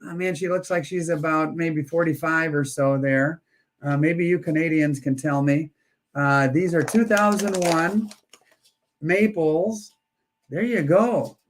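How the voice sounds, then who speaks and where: A man's voice: fairly high pitch, fairly even intonation, unhurried. A man hosting a live coin auction, chatting and joking while he counts down bids. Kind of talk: casual live-stream auction chat.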